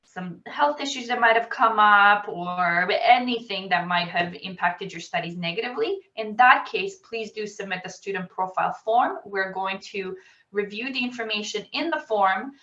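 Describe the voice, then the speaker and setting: A woman admissions officer methodically explains rules in a webinar presentation over a video call, using frequent ums. Her mid-range voice has a sharp tone at normal speed. The video-call audio is roomy, distant and dull.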